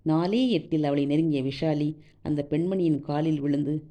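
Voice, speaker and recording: Woman reading a novel out loud, low mellow voice, steady and expressive. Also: moderate pace. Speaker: storyteller. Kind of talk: reading a serialized novel aloud.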